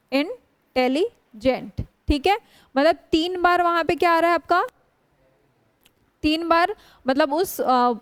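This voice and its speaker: A woman teaching English grammar in a classroom lecture, drawing out English words slowly and often putting questions to her students. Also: high voice, no room sound. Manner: slow, drawn-out spelling of English words; frequent rhetorical questions to students.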